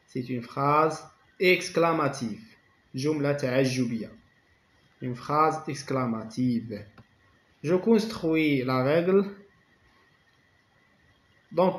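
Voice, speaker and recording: A man with a Moroccan accent teaching a French grammar lesson, reading French slowly and explaining it quickly in Moroccan Arabic. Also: a little high. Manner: slow dictation-like French, rapid Darija explanations. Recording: echoey room.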